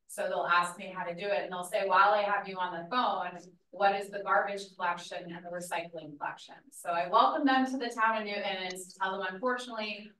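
A woman's voice: mid-range voice, a bit bright. A woman who works for the road department explaining in a plain way at a town council meeting. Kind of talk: public meeting discussion. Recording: roomy, distant, faint noise.

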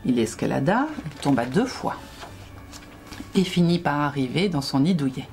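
A woman reading a rhyming children's Christmas story aloud as a librarian, with expressive storytelling. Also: low voice, normal speed, slight background noise.

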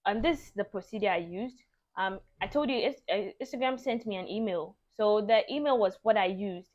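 A young Ghanaian woman vlogger telling a story to camera in a casual, animated and exasperated way. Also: mid-range voice, normal speed. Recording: dull lo-fi audio.

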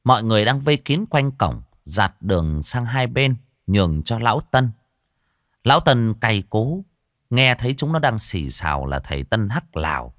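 A man's voice: lowish voice, big pitch swings, normal speed, fairly bright tone, no room sound, studio quality. A man narrating a ghost story in a vivid, dramatic way.

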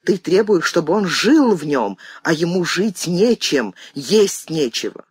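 A woman's voice: fairly low pitch, sing-song, unhurried, darkish tone, slightly rough, no room sound, clean studio sound, exaggerated voice. A woman reading an audiobook voices an anguished grown son, weary and pleading, who turns bitter with his mother. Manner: pleading, restrained, then bitter.

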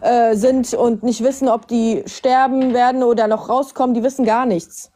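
A woman's voice: on the high side, fairly even intonation, moderate pace, dark tone. A woman arguing in a casual live debate, insistent and fond of rhetorical questions.

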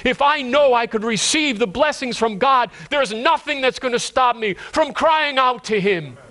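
A man preaching with a high, ringing voice. He works up to fervent, pleading cries, then sinks into slow, quiet stretches, stumbling over and repeating words as he goes. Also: animated. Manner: impassioned, rising to high cries then dropping low and slow. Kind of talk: sermon.

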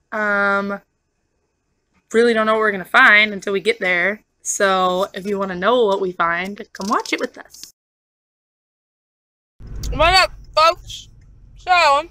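A woman's voice: medium pitch, pushed and bright, rough recording. A woman hosting a casual vlog from a car, chatting to viewers while eating with her mouth full. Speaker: vlogger host. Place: inside a car on the road.

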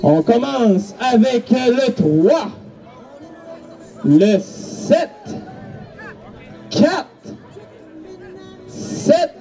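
A man's voice: very high voice, big pitch swings, very slow, pauses often, mellow, recorded from a distance, soft background music. A man announcing over the stadium PA at a football game, calling contestants and hyping the crowd.

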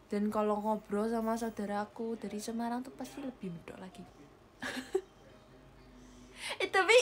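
A young adult woman, an idol livestreamer, chats casually with viewers from a small bedroom with a gaming chair, giggling often and thanking them for gifts. Her voice is a little high and fairly bright, picked up at close range by a webcam or phone with slight background noise.

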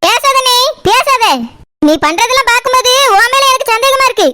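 A woman's voice: very high-pitched, background noise. A woman doing a bitter accusing mother-in-law. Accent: Tirunelveli Tamil. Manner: accusing, rapid angry tirades. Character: angry middle-aged mother-in-law, resentful and bitter.

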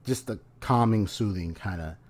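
Reacting casually to a game trailer, this young YouTuber speaks into a desk microphone on a stand in a small room at his home. His voice is fairly low in pitch with a moderate pace, and his relaxed talk rambles and hesitates with plenty of restarts.

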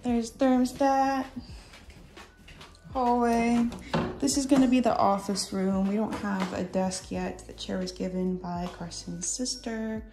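Holding her phone camera, a young woman rambles through a tour inside her small new house, leaning heavily on filler words and cooing at her dog now and then. Her pitch is fairly high, her tone steady and her pace measured. Background noise can be heard.

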